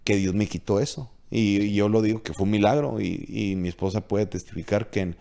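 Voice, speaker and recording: A man with a fairly low voice talks through a casual faith podcast. He is earnest and confessional, and he slips English words into his Spanish. He often stops and restarts his sentences as he searches for what he wants to say. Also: fairly even intonation, a little fast, creaky, warm tone. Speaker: podcast co-host.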